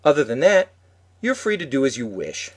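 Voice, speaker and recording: A man's voice: mid-range voice, sing-song, moderate pace. A man co-hosting a podcast, reading a prepared script in an instructive way. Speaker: podcast co-host.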